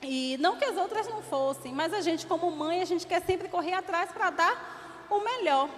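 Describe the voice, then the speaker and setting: High-voiced woman preaching. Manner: animated storytelling, acting out dialogue. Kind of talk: sermon. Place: church hall. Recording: reverberant church hall, faint noise.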